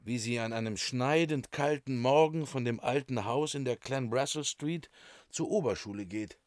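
A man in a radio drama, calling out and reciting in an animated, exclamatory way. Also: mid-range voice, moderate pace, lightly acted.

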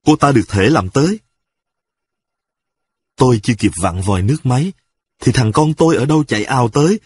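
A man reading a comic story aloud in the first person, in an expressive storytelling style. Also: medium pitch, husky, no echo. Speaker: narrator.

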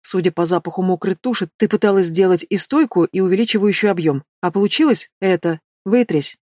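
A woman voicing a sharp-tongued young female student who answers with cool, mocking retorts. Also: lowish voice, brisk, no room sound, clean studio sound, natural voice. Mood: exasperated.

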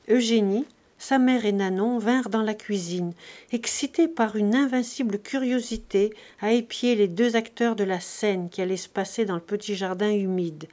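A woman reading a classic novel aloud as an audiobook, in a steady, measured way. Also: medium pitch. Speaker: audiobook reader. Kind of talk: scripted narration of a classic novel.

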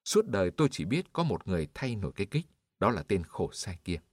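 A man voicing a cold, suspicious inspector who speaks calmly and deliberately, in an audiobook. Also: sits low, dry recording. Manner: calm, pointed, deliberate.

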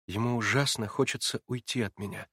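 A male reader plays a worried young woman, tender and anxious, her lines hurried and pleading. The recording is dry and close. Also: medium pitch, no room sound, pitched above the performer's own voice, natural voice. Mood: whispering. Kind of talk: audiobook character voice.

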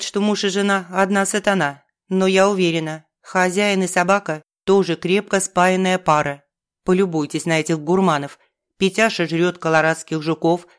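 A woman reads a first-person audiobook in a fairly low voice. Her telling is wry and brisk. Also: clear, resonant tone. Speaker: audiobook narrator.

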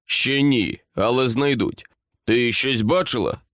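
A man's voice: medium pitch, slow pace, a bit bright, no echo, clean studio sound. A man playing a stern, menacing general. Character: stern middle-aged male general, coldly menacing.

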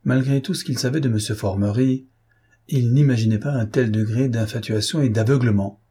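A man narrating a classic novel as an audiobook, reading in a measured, even way. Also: medium pitch, husky. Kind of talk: scripted narration.

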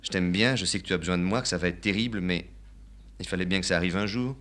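A young musician in a play reading, calm and resolute, read by a man. He speaks low and subdued, in a deep voice with a bright, crisp edge. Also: fast. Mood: firm. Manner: calm, low-key, firm.

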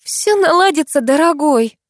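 A sugary, scheming young woman, as a woman reading aloud puts her on, talking in a high, bright, coaxing voice. She pours on sweetness with every word. The reading is close and dry, as in an audiobook. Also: animated, normal speed, dry recording. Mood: sweet, coaxing.

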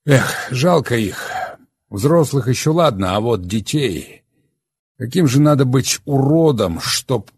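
Guy reading a careless grim young dude, lively, a bit husky. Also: mid-range voice, slow, pitched above the performer's own voice, heavily acted. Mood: flippant.

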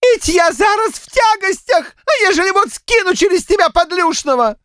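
A man's voice: very high voice, expressive, normal speed, a bit bright, no echo, studio quality, voice pushed up. A male audiobook narrator voicing a furious young pregnant Cossack woman, shrieking and wailing.

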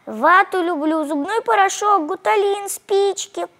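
Woman doing a tiny squeaky creature girl. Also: unhurried, fairly bright tone, long reverb tail, heavily acted. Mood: shy, pleading. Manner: thin tiny voice, shy and sniffly. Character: tiny timid creature girl who eats nails. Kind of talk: storybook reading.

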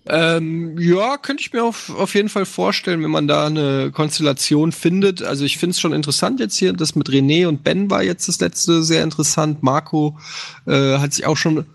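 Streamer man, thirties, slightly nasal, gravelly, loose rambling chat, dry close mic. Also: a little high, moderate pace, no room sound. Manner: relaxed, rambling, many fillers. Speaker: streamer answering questions. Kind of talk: casual chat.

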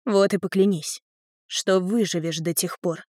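Woman narrator doing a soft-spoken gloomy teen boy, low and subdued, audiobook. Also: fairly even intonation, a little slow, no echo, clean studio sound. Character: quiet, gloomy teenage boy cousin.

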